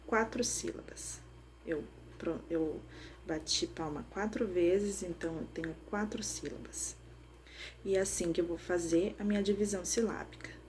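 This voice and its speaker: Lady teacher sounding out syllables real slow, low mellow voice, bit of hiss behind. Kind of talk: explaining phonics to children.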